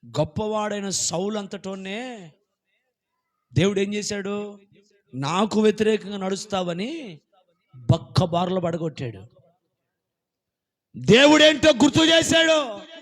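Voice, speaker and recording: A man pastor preaching a sermon in church, swinging from shouted, fervent peaks down to quiet, hushed lows. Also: unhurried, pauses often.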